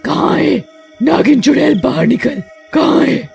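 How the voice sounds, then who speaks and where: A woman voicing an angry witch from a coven in a cartoon story, shouting accusations. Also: high-pitched, unhurried, creaky, faint music behind, voice pushed up, heavily acted.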